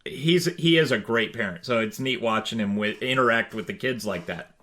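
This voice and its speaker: A woman's voice: rumbling low, moderate pace, fairly bright tone. Supportive woman co-host. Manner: supportive, brief agreeing replies. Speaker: podcast co-host. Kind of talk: casual conversational podcast.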